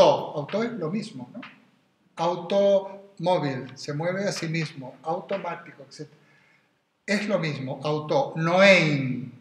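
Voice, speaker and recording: Man, philosophy teacher, digressive lecture, echoey classroom. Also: fairly high pitch. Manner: digressive, questioning, many tag questions. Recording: echoey room with faint noise.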